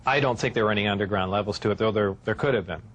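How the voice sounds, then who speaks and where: A man answering interview questions in a hesitant way with many filler pauses, heard from a worn VHS tape copy. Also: on the low side, a bit bright. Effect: worn VHS tape copy with faint hiss.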